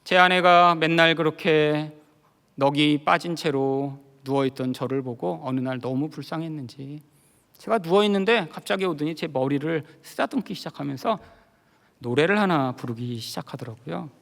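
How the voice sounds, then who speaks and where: High, bright-voiced man preaching in a reverberant sanctuary. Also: vocal fry. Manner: storytelling, swings from soft to loud and emotional; softly sings a hymn's lines slowly. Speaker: guest pastor. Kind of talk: sermon with personal testimony. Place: large church sanctuary. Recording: long hall reverb.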